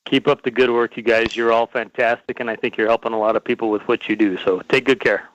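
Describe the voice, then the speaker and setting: A man calling in to a talk show over the phone, giving calm, matter-of-fact advice. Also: mid-range voice, quick pace, no room sound. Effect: heard over the phone. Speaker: caller. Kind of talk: call-in chat. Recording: muffled phone line.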